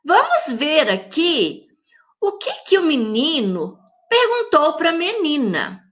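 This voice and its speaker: A woman teacher with a Brazilian Portuguese accent, speaking to children at an unhurried pace. Her voice is bright and fairly high, and her pitch moves up and down a lot. She draws out example words slowly and talks to her pupils directly. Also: huge pitch swings. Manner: slow, drawn-out syllables when saying example words; addresses young pupils directly, friendly teacher tone. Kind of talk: recorded classroom lesson for children.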